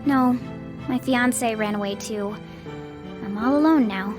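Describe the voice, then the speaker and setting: Woman acting high, flustered young android girl. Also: a little slow, close to an everyday voice. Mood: chatty, earnest. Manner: stammering, girlish, earnest. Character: flustered, chatty, earnest young android bride. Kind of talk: video game voice acting. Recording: music behind the voice.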